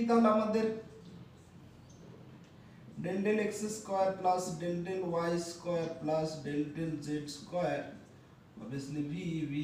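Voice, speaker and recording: A man's voice: high-pitched, darkish tone, slight background noise. A man giving a physics lecture, explaining step by step with many fillers and checks for understanding. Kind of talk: classroom lecture. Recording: echoey room, voice from a distance.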